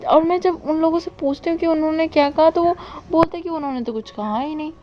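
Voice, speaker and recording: A woman's voice: sits high, fast talker, dull audio, slight background noise, pitched above the performer's own voice, natural voice. A woman voicing a bewildered young man who suddenly hears other people's thoughts and struggles to explain.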